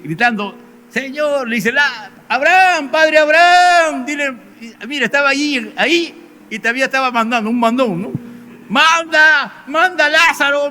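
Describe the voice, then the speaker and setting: A man preaching, his voice high and bright as he presses his points on the congregation. He often stops to ask his listeners questions. A faint hum of noise sits under the sermon. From Peru. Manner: emphatic, addresses congregation directly with rhetorical questions. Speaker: pastor. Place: church service.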